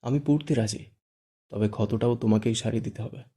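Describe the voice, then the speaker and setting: A man's voice: mid-range voice, fairly quick, warm tone, breathy edge, lightly acted. A man doing a cocky, teasing young man. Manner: cool, teasing and playful.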